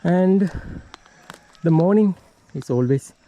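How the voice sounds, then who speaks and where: Heading uphill on a tea estate trail, this Sri Lankan vlogger narrates to his action camera and sounds a little out of breath. He speaks slowly in a high-pitched voice with lively intonation and a dark tone, and the recording is muffled.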